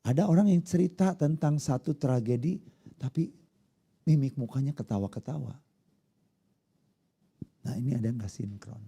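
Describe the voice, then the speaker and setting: A pastor preaching a conversational sermon, often putting questions to the congregation. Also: male voice, mid-range voice, moderate pace, creaky, long pauses, mellow, breathy edge.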